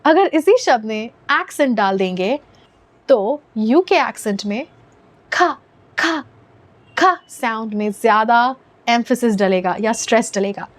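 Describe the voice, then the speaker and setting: A woman with an Indian accent, explaining English pronunciation in a scripted lesson and slowing down to model words. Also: on the high side, lively intonation.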